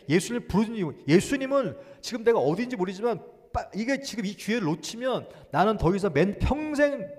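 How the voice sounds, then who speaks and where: Man, pastor, Sunday sermon, fairly high voice, urgent then musing, long church reverb. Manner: swings between loud urgent exhortation and quiet musing; acts out inner thoughts in a small voice. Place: church sanctuary.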